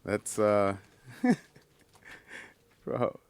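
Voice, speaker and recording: A man's voice: fairly low pitch, sing-song, very slow, vocal fry, smooth, dry recording, rough recording. A man hosting a casual chat, rambling loosely with lots of fillers and restarts. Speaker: channel host. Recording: hissy background noise.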